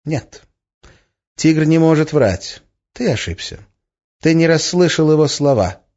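A man's voice: medium pitch, expressive, a little mellow, breathy edge, lo-fi sound, voice pushed up. A man voicing a grave, firm male sorcerer in an audiobook reading. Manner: firm, measured. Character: grave male sorcerer, genial but stern.

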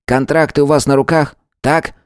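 A man voicing a furious shouting boss. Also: a little high, fairly even intonation, normal speed, clear, resonant tone, dry recording, clean studio sound, pitched above the performer's own voice, lightly acted. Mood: angry commanding. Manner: shouting, scolding, commanding. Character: hot-tempered male boss, commanding and scolding. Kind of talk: audiobook character voice.

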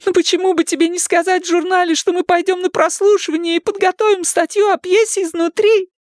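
A man's voice: flat delivery, fairly quick, no echo, studio quality. A man doing a tearful, clingy young mistress. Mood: sobbing. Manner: pleading, high and sobbing. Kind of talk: audiobook character voice.

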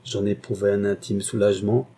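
A man narrating a classic novel in a measured, expressive reading. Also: on the low side. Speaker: audiobook narrator. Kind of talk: literary narration.

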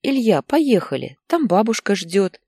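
A woman's voice: sits low, sing-song, fairly quick, darkish tone, breathy edge, dry recording, studio quality, full character voice. A woman voicing a desperate young mother who screams shrilly and tearfully. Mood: pleading.

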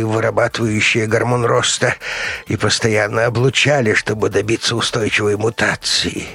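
A man voicing a crazed bearded doctor who rants in slow, preachy tones and then whimpers for mercy. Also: fairly low pitch, gravelly, bright, forceful tone, breathy edge, pitched above the performer's own voice, full character voice. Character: crazed bearded male doctor, fanatical and frightened.

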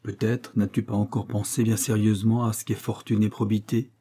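A man's voice: on the low side, flat delivery, a little fast, dark tone, slightly rough. A man reading aloud the tender, moralizing letter of an earnest young wife.

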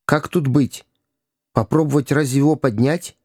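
A man voicing a compassionate gentleman in a storybook reading, earnest and reproachful. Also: medium pitch, fairly even intonation, moderate pace, slightly rough, dry recording, clean studio sound. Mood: pitying. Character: kind compassionate gentleman passerby.

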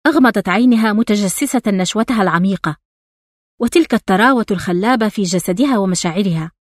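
A woman reads a novel aloud in a measured, intimate storytelling voice. Her pitch sits in the ordinary middle range. The sound is close and dry, with no room around it. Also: darkish tone, no room sound. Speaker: audiobook narrator. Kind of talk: literary audiobook narration.

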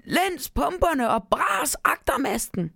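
A woman's voice: high-pitched, very animated, creaky, no echo, studio quality, pitched above the performer's own voice, exaggerated voice. A woman voicing an old ship captain bellowing orders in a storm. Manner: shouting, bellowing.

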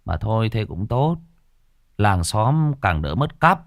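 A man's voice: lowish voice, big pitch swings, takes it slowly, dry recording, clean studio sound, exaggerated voice. A man voicing a crude village onlooker who gossips with a sneer.

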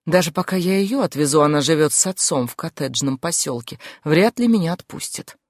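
A woman's voice: deep voice, animated, a little fast, dry recording, clean studio sound. Sardonic woman reading a novel aloud. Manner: sardonic, brash, crude asides. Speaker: audiobook narrator. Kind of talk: first-person novel narration.

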